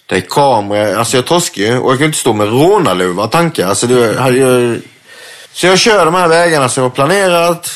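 A man, an interview guest, telling a story casually with lots of swearing and acted-out quotes. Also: medium pitch. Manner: vivid, swears freely, acts out quotes.

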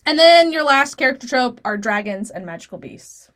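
A woman's voice: sits high, sing-song, moderate pace, fairly bright tone. A woman in her thirties co-hosting a podcast, chatting casually, laughing often and using lots of fillers. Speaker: podcast co-host. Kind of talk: casual chat.

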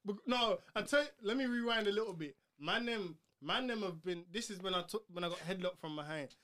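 A young man with a London accent, swapping stories casually with friends in animated, laddish slang peppered with bro, fam and swearing. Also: high-pitched, fairly quick. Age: young adult. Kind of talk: casual banter and storytelling among friends.

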